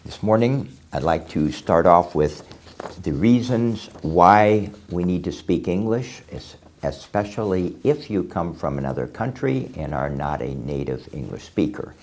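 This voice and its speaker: A man teaching English pronunciation to a class, explaining slowly and deliberately with frequent pauses and fillers. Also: deep voice, expressive, a little mellow. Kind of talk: classroom lesson.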